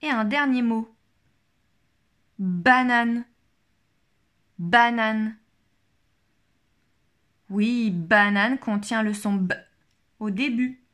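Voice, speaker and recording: A woman leads a child through a phonics lesson with slow, deliberate speech. She says each word twice, clearly shaping every sound. Her voice sits fairly high. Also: fairly bright tone. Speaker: teacher.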